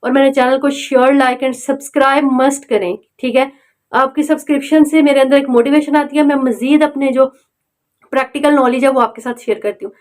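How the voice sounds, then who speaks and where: A woman's voice: high-pitched, fairly even intonation, fairly quick, a little mellow. A woman giving a motivational tutorial on online selling, urging viewers directly and often checking in with "okay". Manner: urging, repeats "okay" fillers, direct address.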